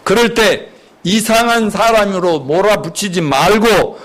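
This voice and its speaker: A male pastor giving a lively church sermon, quizzing the congregation and acting out angry outbursts as examples. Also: high voice, unhurried.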